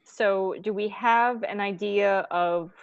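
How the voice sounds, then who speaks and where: A woman's voice: medium pitch, steady tone, takes it slowly, smooth, dry recording. A woman chats with the table about the game, working through her ideas as she speaks. Her voice sounds dry and a little dull, as if recorded on a modest mic. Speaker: player. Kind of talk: casual chat at a tabletop game.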